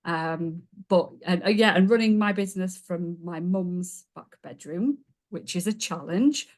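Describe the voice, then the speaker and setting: A chatty woman from Yorkshire, England, with a lower voice speaks a little slowly as a podcast guest. She's a business coach telling stories in a casual interview, warm and self-deprecating, laughing along as she goes.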